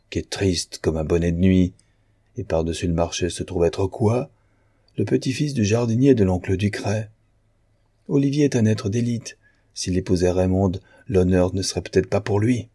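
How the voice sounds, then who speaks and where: A man's voice: sits low, dark tone, husky, no room sound, studio quality. A man voicing an earnest, principled man in an audiobook of a novel, pleading and stern.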